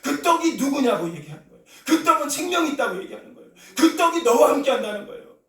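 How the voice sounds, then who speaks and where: A male pastor preaches in a high, wildly swooping voice, dramatizing his story and breaking into shouts. He is heard from a distance in a church sanctuary, with the hall's echo hanging around every phrase. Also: very animated, fast talker. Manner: dramatic, voices quoted people, swells into shouting. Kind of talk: sermon storytelling. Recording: echoey hall, voice from a distance.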